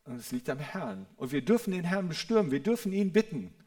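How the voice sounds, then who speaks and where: A man preaching a sermon in an earnest way, moving between quiet, reverent passages and loud, fervent ones, often checking in with the listeners. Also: a little high, sing-song, a little fast. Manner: addresses listeners with a questioning "Ja?".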